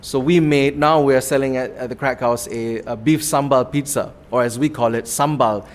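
A man's voice: medium pitch, steady tone, moderate pace. A man with a Malaysian accent, a comedy club owner telling his story in an interview, earnest and rambling, laughing now and then.

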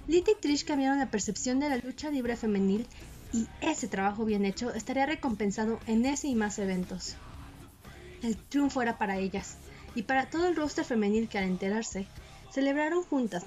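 A woman's voice: fairly high pitch, expressive, fairly quick, a little mellow. A woman reading scripted documentary-style narration. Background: music.

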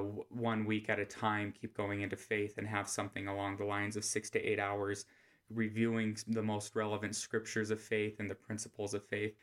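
An American man giving an informal religious lesson in a soft, quiet voice, with a flat monotone manner. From Utah, United States. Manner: flat monotone, speaking low without inflection. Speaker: host of a scripture study podcast. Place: quiet room at home.

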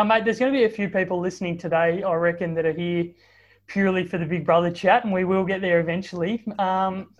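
A man with an Australian accent hosting a casual podcast interview in a matey, colloquial way, recorded in dull lo-fi audio. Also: high voice. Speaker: podcast host.

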